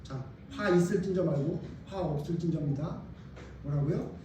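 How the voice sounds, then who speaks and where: A male pastor preaching a sermon in a church sanctuary, passionate, swinging between shouted exhortations and hushed asides. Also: a little high, normal speed, background noise. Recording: very echoey hall, voice heard from a distance.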